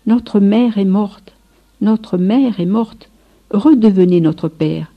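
A woman's voice: medium pitch, big pitch swings, moderate pace, voice pushed up. A woman reading aloud and voicing a group of grieving friars who lament, on a slightly muffled recording.

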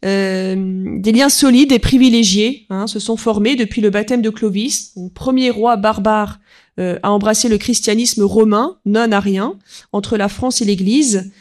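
Woman lecturer, unscripted talk, halting delivery with frequent filler words between points. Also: medium pitch, darkish tone. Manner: hesitant, peppered with "voilà" and "hein", reads quotes aloud.

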